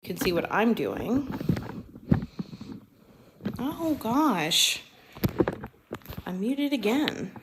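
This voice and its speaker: A young woman hosts a live-streamed cooking class in an easygoing, rambling way, full of ums and quick self-corrections. She talks at an unhurried, drawn-out pace. A faint hiss of noise sits under her voice. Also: on the high side, sing-song.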